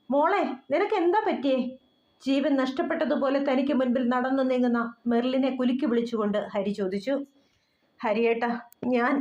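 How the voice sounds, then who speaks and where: A woman reading an audio novel aloud in emotive scripted narration. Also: sits high. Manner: emotive storytelling. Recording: roomy, dull lo-fi.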